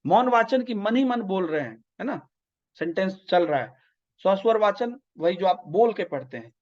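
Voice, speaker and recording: A male teacher with an eastern Hindi-belt accent delivers an online exam-prep lecture in a fairly high voice. He explains patiently through everyday examples and keeps checking that his listeners follow. The audio is a little dull and lo-fi. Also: lively intonation, normal speed, darkish tone. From north India.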